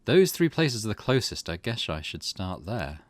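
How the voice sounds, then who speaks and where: A man whose voice runs on the low side speaks in a sing-song way at normal speed while hosting a let's play. He chats casually, thinks aloud, and reads the game's text out, with game music underneath.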